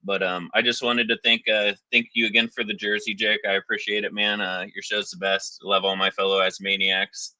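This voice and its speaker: A man's voice: on the low side, flat delivery, a little fast, hardly any pauses, pushed and bright, no room sound, poor audio. A man calling in to chat casually as a sports fan, hesitant and chummy. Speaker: caller to a sports show.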